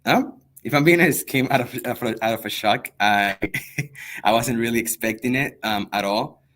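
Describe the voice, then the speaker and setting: A young man from El Salvador, a native Spanish speaker who teaches high school history, answers interview questions. He sounds earnest but hesitant, with many pauses and fillers, and his tone is fairly bright.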